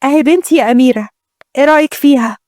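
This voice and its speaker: A woman's voice: high-pitched, racing, a little mellow, dry recording, studio quality, lightly acted. A woman with an Egyptian accent voicing a pushy mother arranging her daughter's marriage. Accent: Egyptian Arabic.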